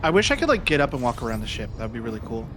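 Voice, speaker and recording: A man chatting in a relaxed way with friends during a game stream, telling small anecdotes. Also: medium pitch, very fast, a little hiss or hum. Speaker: friend playing along on stream. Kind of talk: casual gaming chat.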